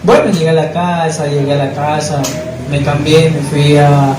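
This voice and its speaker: A man recounts his personal testimony, stumbling and repeating words as he goes. His voice sits a bit high. He is heard from a distance in a reverberant church room with faint background noise. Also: flat delivery. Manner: halting, repeats words, emotional retelling. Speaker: church member giving testimony. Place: church hall.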